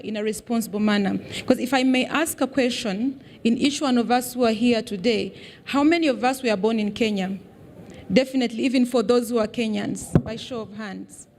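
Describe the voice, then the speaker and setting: A woman's voice: fairly high pitch, darkish tone, slight background noise. A woman giving a welcome speech at a summit as head of mission, engaging the audience with questions. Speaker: chief of mission. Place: conference hall stage.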